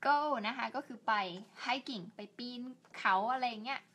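A young woman gives a bilingual online English lesson, slowly drawing out each English word while repeating Thai polite particles. She chats in a friendly, self-deprecating way and asks viewers for help, her voice high-pitched and a bit bright.

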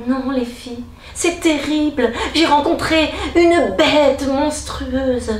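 A woman's voice: high voice, slow, voice pushed up. A woman voicing a frightened old father in a told fairy tale, pleading in a trembling voice, in an echoey room. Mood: distraught.

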